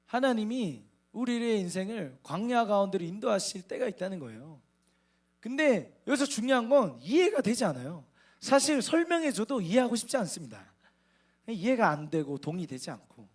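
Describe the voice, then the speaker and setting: A man's voice: high-pitched, big pitch swings, normal speed. A man in his thirties preaching a sermon as a missionary, telling his story with humor and acting out the dialogue, often laughing. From Korea.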